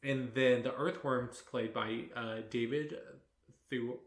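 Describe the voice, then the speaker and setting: A man co-hosting a podcast, talking in a loose, rambling way full of fillers. His voice sits at a middling pitch. It is recorded in a room with noticeable echo. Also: steady tone, takes it slowly. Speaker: podcast co-host. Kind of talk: casual chat. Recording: echoey room.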